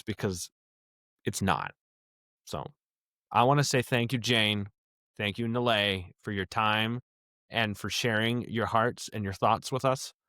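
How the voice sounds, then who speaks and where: A man hosts a podcast, speaking earnestly and haltingly, circling back on his words. His voice is a bit low, and the sound is dry and close. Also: a bit bright, dry recording. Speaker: podcast host. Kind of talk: casual chat.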